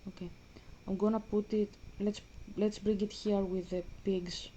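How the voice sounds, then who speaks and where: In an unhurried, level way, a woman with a dark, medium-pitched voice offers casual gaming commentary over slight background noise. The Greek vlogger speaks with a Greek accent, rambling and restarting her sentences as she plays.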